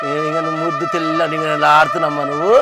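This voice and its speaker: A man's voice: on the high side, flat delivery, very fast, creaky, over loud music. A man acting a villager who teases and argues with an old woman in a comedy sketch. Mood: teasing. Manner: teasing, argumentative.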